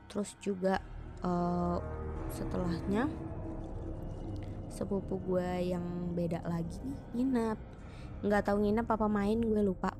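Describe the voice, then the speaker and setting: A young woman, casually telling a ghost story in a chatty, slangy way, full of restarts and fillers. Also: mid-range voice. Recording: music playing underneath.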